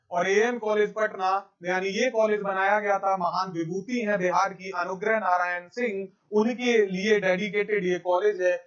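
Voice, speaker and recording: A man with a high-sitting voice, heard through dull-sounding audio, coaches students for exams with a current affairs lecture over slides. He repeats the key facts and addresses his viewers as friends.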